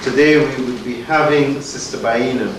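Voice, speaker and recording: An event host from Guyana introduces a speaker at a community lecture, using earnest, rhetorical emphasis in a mid-range voice at a moderate pace. The mic sits far from him in a large, very echoey hall, and a steady hiss runs behind his words.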